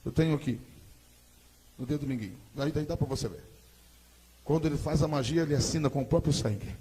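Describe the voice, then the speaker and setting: A man with a Brazilian Portuguese accent giving a dramatic testimony sermon at a church service, rising into shouted preaching. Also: on the high side, a little fast, a little hiss or hum.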